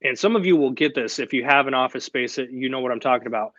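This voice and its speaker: A man's voice: mid-range voice, fast talker, fairly bright tone, no echo, lo-fi sound. A young man hosting a live online Q&A, talking casually and directly. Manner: casual and direct, chatty with fillers. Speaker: host of a live Q&A stream.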